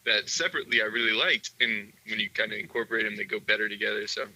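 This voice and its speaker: A man's voice: fairly low pitch, fast, pushed and bright, rough recording. A man calling in remotely as a guest on a casual podcast, talking easily and at length. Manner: easygoing, explains at length.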